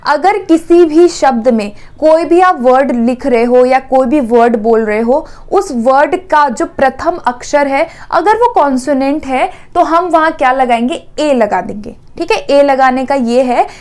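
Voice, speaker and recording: A woman teaching an exam-prep grammar lesson, repeating words slowly and checking in often. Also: high-pitched, a little mellow.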